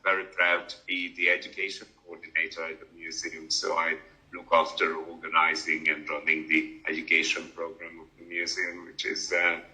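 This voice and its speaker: Deep-voiced man in his fifties, from Hungary. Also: flat delivery, moderate pace, pushed and bright, low-quality recording. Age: 50s. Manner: hesitant, many fillers, wry. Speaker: museum educator, guest. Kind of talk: casual interview.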